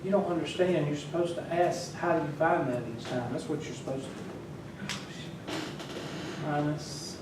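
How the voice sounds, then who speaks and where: A man's voice: fairly high pitch, moderate pace, long pauses. A man teaching a class and teasing his students as he works. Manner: teasing, talks to students while working. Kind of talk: classroom lecture. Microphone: far from the mic. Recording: echoey classroom from far off, faint noise.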